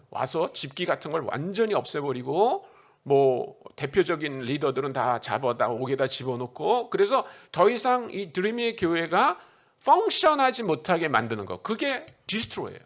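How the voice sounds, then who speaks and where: A middle-aged man, a missionary preacher, giving a conversational sermon in a church and putting questions to the congregation. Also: a little high. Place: church sanctuary.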